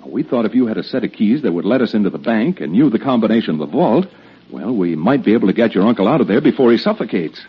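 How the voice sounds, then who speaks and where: A steady, low-voiced cowboy hero. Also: male voice, fast talker, breathy edge. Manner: firm and earnest. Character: steady heroic cowboy, male, narrator. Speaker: narrator and hero. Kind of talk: 1940s radio acting. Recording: dull old radio recording.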